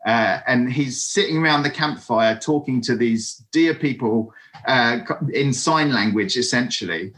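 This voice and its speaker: A man giving a lively, conversational sermon over an online video call, with friendly asides to his listeners. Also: mid-range voice, a little slow. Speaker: preacher.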